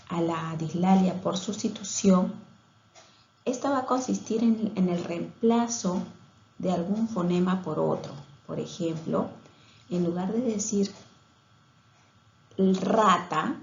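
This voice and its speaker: Gravelly-voiced woman lecturing methodically. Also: on the low side, measured pace, dark tone, echoey room, highs cut off. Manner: methodical, explanatory, with hesitations and restarts. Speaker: lecturer in speech therapy. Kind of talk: recorded online lecture.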